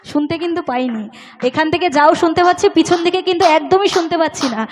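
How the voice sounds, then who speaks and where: A woman's voice: extremely high pitch, quick pace. A woman folk singer talking from a live stage, coaxing the audience to clap and sing along. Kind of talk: live stage talk between songs. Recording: loud band music behind the voice.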